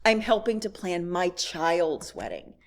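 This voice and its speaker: Against a noisy background, a middle-aged woman with a lowish voice speaks in an unhurried but very animated way. She is a guest speaker at church, telling the congregation candid, wry personal stories, acting out dialogue and laughing as she talks.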